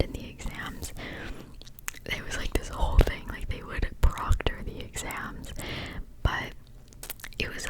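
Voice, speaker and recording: Young woman in a close ASMR whisper. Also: rough recording. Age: young adult. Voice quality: soft, breathy, unvoiced whisper. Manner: whispering close into the listener's ears; informal, rambling, confiding. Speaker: ASMR creator. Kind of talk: ASMR, whispered casual chat. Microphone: close-up ear-to-ear stereo microphone.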